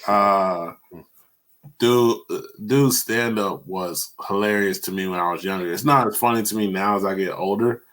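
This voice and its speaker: A young man hosting a podcast in casual chat, animated and laughing as he retells jokes. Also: on the low side, moderate pace. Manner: animated storytelling, laughs a lot, sings bits of jokes. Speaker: podcast host.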